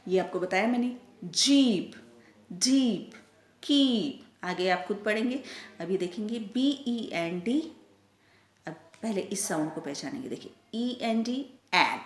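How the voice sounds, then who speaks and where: A woman teacher leads a phonics lesson for young children. She sounds out letters and words slowly and clearly and asks patient questions. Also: medium pitch, echoey room.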